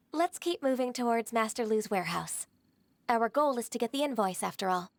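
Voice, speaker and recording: Ganyu, a polite, gentle secretary. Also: female voice, fairly high pitch, lively intonation, normal speed, dry recording. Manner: soft-spoken, polite and formal. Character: gentle, dutiful young woman secretary.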